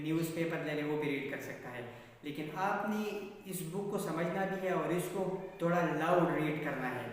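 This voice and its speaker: A man, earnestly explaining a book's lessons as a self-improvement vlogger, repeating and rephrasing his points. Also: fairly high pitch. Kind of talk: casual talking-head book summary. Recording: very echoey room, far from the mic, faint hiss.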